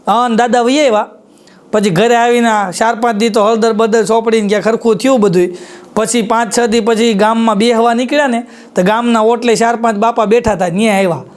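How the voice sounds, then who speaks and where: A man's voice: very high voice, steady tone, a little fast. A man with a Kathiyawadi Gujarati accent telling folk jokes on stage, doing many quoted voices and repeating his punchlines. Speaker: folk comedian. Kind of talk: live stand-up joke telling.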